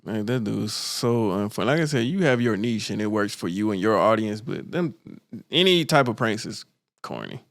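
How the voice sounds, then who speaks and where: Young man, casual podcast co-host, animated, pitch swings into mocking impressions, dry. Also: normal speed, no echo. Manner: animated, jumps into high mocking impressions when quoting people. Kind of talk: casual chat.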